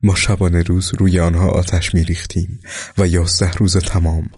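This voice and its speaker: A man reading war memoirs aloud in a slow, solemn, scripted narration that sometimes sinks to a soft whisper. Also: low voice, little pitch movement, slightly rough, no echo, clean studio sound.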